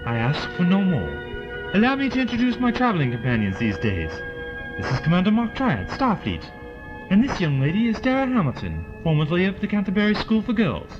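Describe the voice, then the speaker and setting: A man's voice: high voice, huge pitch swings, brisk. A man playing an eccentric, genial alien scientist in an audio drama, with theatrical, wordy politeness. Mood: confident, explaining. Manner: theatrical, whimsical, old-fashioned wordy politeness. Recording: dull lo-fi with loud music behind.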